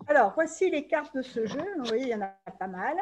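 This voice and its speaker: A woman's voice: high voice, lively intonation, a little fast, over a noisy crowd. A woman presenting a game on an online webinar, walking through the rules step by step over a video call.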